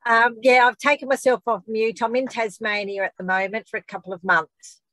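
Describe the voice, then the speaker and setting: A woman's voice: on the high side, flat delivery, fairly quick, pushed and bright, no room sound. A woman chatting casually as an attendee on an online group call. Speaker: workshop attendee. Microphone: video call microphone.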